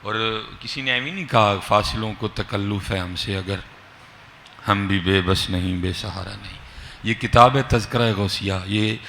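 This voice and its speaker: A man from Pakistan, an Islamic scholar giving a sermon and acting out the dialogue of his story with a lively, swinging delivery. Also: on the low side, slight background noise. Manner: animated storyteller, acts out dialogue, swings between soft and loud.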